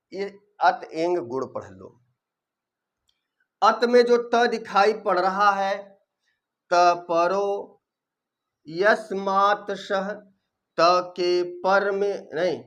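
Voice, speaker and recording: A man gives an online grammar lesson in a fairly high voice. He takes his time and lingers over each rule as he recites it. Then he explains it through questions he asks and answers himself. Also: a bit bright, dull audio. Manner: recites rules syllable by syllable, then explains them with rhetorical questions. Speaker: Sanskrit grammar teacher.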